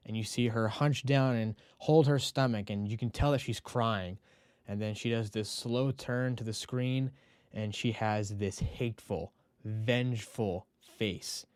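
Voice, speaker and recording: A man hosting a podcast, retelling a TV episode in a casual, animated way and now and then acting out the characters' lines. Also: on the low side, clean tone, dry recording. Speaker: podcast host.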